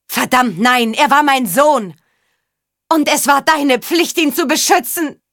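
A woman reading the part of a distraught young noblewoman in an audiobook, her voice near breaking as she shouts. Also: high voice, a little slow, dry recording, studio quality, pitched above the performer's own voice. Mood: anguished.

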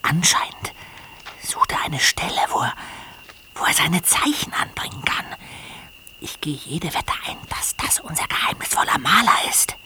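An actor playing a jittery, eager young amateur detective in hushed, breathy whispers, in an audio drama. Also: male voice, a little high, lively intonation, moderate pace, natural voice. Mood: tense, excited.

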